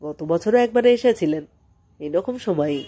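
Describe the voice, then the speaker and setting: A woman's voice: lowish voice, lively intonation, a little slow, mellow. A woman voicing a polite middle-aged male cottage owner in an audiobook, speaking in a courteous, chatty way. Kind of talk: audiobook character voice.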